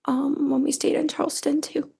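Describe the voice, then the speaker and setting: A woman's voice: high-pitched, flat delivery, normal speed, vocal fry, warm tone. A young woman giving courtroom testimony as a witness, with brief, plain, reserved answers. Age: young adult.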